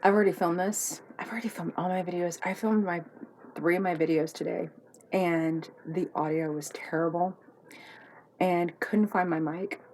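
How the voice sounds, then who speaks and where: A woman's voice: on the low side, fairly even intonation, normal speed, a little mellow, a little hiss or hum, low-quality recording. A woman hosting a review vlog, talking in a chatty, rambling and self-mocking way. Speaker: vlog host reviewing a TV series. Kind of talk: casual chat.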